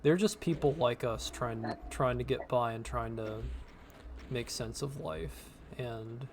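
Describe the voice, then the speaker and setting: This is a man in his thirties with a gravelly, creaky edge to his voice, chatting casually as he plays. He rambles earnestly and slips into friendly advice. A faint hiss sits under the recording. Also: mid-range voice, slow pace. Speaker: podcast co-host playing a game. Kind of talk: casual chat while gaming.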